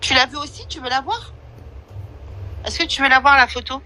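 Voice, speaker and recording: Woman host, slangy and confrontational, slightly high voice, very bright tone. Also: fairly quick, poor audio. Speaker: host of an online audio room. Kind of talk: casual monologue with listener questions.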